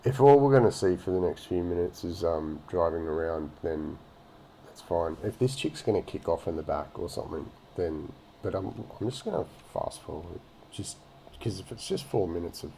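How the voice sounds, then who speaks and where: A man's voice: low voice, expressive, normal speed, creaky, mellow, slight background noise. A man giving blunt, profane, indignant commentary while reacting to police footage. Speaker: video reaction host.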